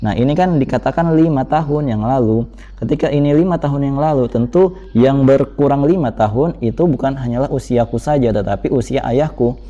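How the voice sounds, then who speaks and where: A man, explaining olympiad math problems step by step as a tutor, in a brisk manner with frequent fillers. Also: medium pitch, warm tone. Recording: dull lo-fi voice recording.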